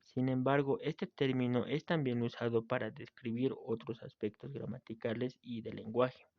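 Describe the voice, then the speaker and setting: A man reads a grammar lesson aloud at an even pace, stumbling now and then and restarting a word. His voice sits at a middle pitch. It is recorded close and dry, with a slightly dull, muffled tone. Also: moderate pace, no echo. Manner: reads steadily from a text, with small slips and restarts. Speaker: teacher.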